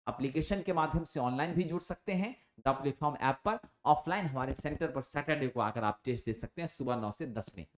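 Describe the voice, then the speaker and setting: Male tutor, lively exam-prep lecturer, throws rhetorical questions, roomy echo. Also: mid-range voice, fairly quick, few pauses. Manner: energetic, rhetorical questions, calls students friends. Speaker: coaching teacher. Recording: echoey room.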